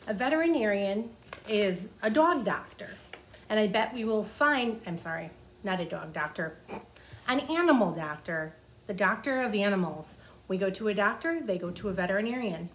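In a small office, a woman in her forties reads aloud from a children's nonfiction book, explaining simply to young listeners as a teacher might. Her voice is fairly high-pitched. The recording clearly carries noisy room ambience.

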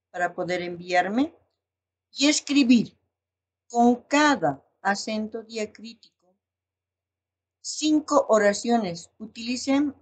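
Slow-talking woman teacher explaining a lesson, lots of ums, careful word by word. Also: mid-range voice, darkish tone. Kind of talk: recorded online language lesson.

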